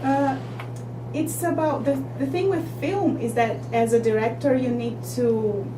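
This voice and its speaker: A young woman, answering interview questions as a filmmaker in a thoughtful, halting way with many restarts. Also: high voice. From Brazil. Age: young adult. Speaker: filmmaker guest. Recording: echoey room, distant mic, noise hum.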